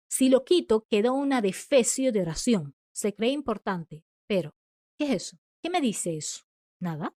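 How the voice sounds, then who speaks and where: Woman teacher, slightly high voice, calm scripted lesson with lively read-out examples, dry close sound. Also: no room sound. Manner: clear, measured explaining, acting out example sentences. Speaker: writing teacher.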